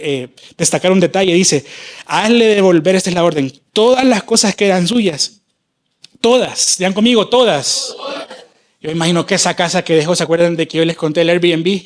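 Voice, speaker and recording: Impassioned high-voiced male preacher. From El Salvador. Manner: impassioned preaching, voicing prayers aloud, drawn-out emphasis. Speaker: prophet preaching. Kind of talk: sermon. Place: church.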